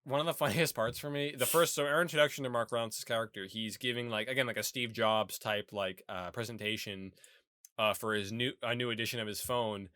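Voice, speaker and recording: A man's voice: medium pitch, steady tone, brisk, pushed and bright, no echo, studio quality. A man co-hosting a podcast, chatting casually about a movie and rambling through many fillers and restarts. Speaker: podcast co-host.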